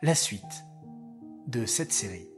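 A storyteller narrating a religious story for children, expressive and speaking to the kids directly. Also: medium pitch, slow, over music.

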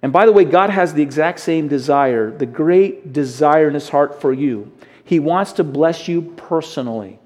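A middle-aged man gives a radio Bible teaching in an earnest, unhurried way. His voice sits a little high for a man. He drives points home through repetition, sinking quiet, then rising again. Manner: earnest, repetitive emphasis, varies volume for stress.

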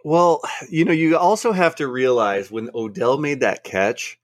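Easygoing podcast co-host, dry mic. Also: male voice, mid-range voice, animated, unhurried, dry recording. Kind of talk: casual sports podcast chat.

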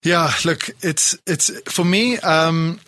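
A man's voice: fairly high pitch, takes it slowly, pushed and bright, no echo. A man from Poland, a guest entrepreneur, chatting casually in an interview with lots of restarts and fillers. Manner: rambling, many restarts and fillers. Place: South Africa.

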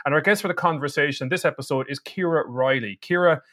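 A man's voice: on the high side, fast, pushed and bright. A man with an Irish accent hosting a podcast in a chatty, bantering, conversational way. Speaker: podcast host.

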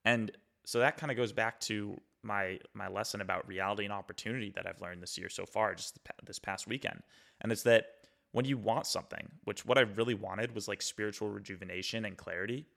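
A man's voice: fairly low pitch, brisk, gravelly, a bit bright. A young man hosting a podcast, talking through a casual motivational monologue in a loose, reflective way with many fillers and restarts. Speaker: podcast host.

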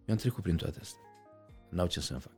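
A middle-aged man talking as an interview guest, passionate, swinging from loud outbursts to quiet reflection. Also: sits low, animated, soft background music. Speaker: podcast guest. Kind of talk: conversational interview.

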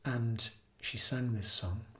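Gentle male yoga teacher, earnest storyteller, mid-range voice. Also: medium pitch. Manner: gentle, earnest, with frequent pauses and restarts. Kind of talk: reflective storytelling talk.

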